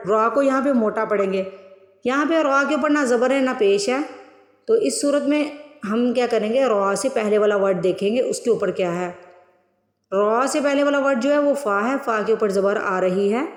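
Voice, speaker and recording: A fairly high-voiced woman teaches recitation word by word. She stretches each word out slowly, then explains the rules at a brisker clip. Her voice rings in a roomy space with a long, trailing reverb. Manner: slow drawn-out recitation between brisk explanations. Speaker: Quran reading teacher. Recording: echoey room with long reverb.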